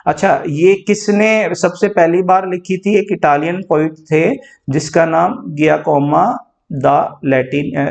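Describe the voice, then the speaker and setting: A man's voice: on the high side, gravelly, darkish tone. A male English literature teacher with a Haryanvi Hindi accent, lecturing students for an exam and mixing English terms into his Hindi while he asks and answers his own questions.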